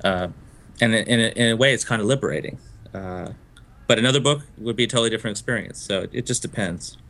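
A novelist from Florida is being interviewed, speaking fast in a lowish, fairly bright male voice. He's thoughtful and discursive and laughs easily.

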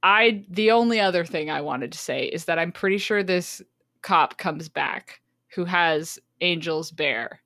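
A chatty woman hosts a laid-back podcast about a book, her voice sits on the low side and sounds close and dry, with no room around it. she keeps slipping into giggles while she talks it through. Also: a little slow, sharp tone, no room sound. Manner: chatty, laughs often mid-sentence. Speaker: podcast host. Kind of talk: casual book-club chat.

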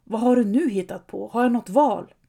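A woman's voice: fairly high pitch, gravelly, warm tone. A woman voicing a weary, plaintive male squire who grumbles and hesitates, in a read-aloud story. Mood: reluctant. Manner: plaintive, complaining. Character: gloomy downcast male squire, weary and reluctant.

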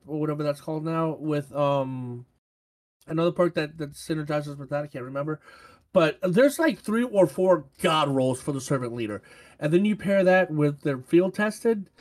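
A man's voice: on the high side, darkish tone. A man in a casual gaming chat, rambling with lots of fillers and restarts.

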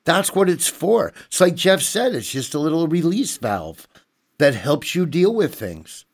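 A man chatting casually and telling stories, animated and laughing often. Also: on the high side, unhurried, no echo, clean studio sound. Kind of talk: casual chat.

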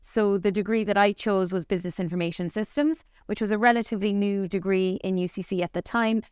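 A woman's voice: medium pitch, steady tone, fairly quick, a little mellow, clear, resonant tone, dry recording, studio quality. A woman in her forties with a Cork Irish accent, chatting candidly as a podcast guest about her career. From Ireland. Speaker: podcast guest, company founder. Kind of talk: conversational interview.

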